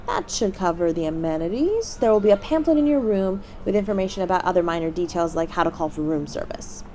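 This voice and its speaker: A woman voices a bubbly demon receptionist in an audio roleplay, greeting the listener as a hotel guest with eager, polite sales patter. Her darkish voice rises and falls in pitch with customer-service courtesy, and faint ambient noise lingers in the background.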